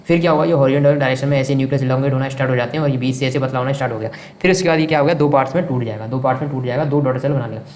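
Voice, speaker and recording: Fast-talking man teaching in an echoey room. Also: medium pitch, a little mellow. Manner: asks and answers own questions, repeats key terms. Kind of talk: classroom science lecture. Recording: echoey room with faint background noise.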